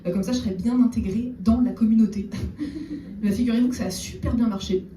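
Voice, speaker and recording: A woman doing a stand-up comedy set on stage, chatting with the audience and slipping in deadpan ironic asides. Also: fairly high pitch, a little fast. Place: theater stage before a live audience. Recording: roomy echo, distant mic, audible room noise.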